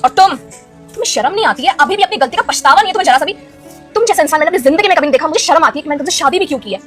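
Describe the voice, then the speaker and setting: A woman playing a wealthy wife who scolds her husband forcefully in an acted family drama. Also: high voice, expressive, rapid-fire, soft background music. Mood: furious. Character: wealthy wife confronting cheating husband, fierce.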